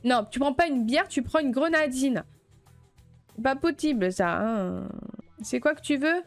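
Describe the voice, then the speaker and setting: High-voiced playful woman streamer. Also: animated, measured pace, faint music behind. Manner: chatty, playful, teasing the game customers; flustered outbursts and shouting at chaos. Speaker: video game streamer. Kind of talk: let's play commentary.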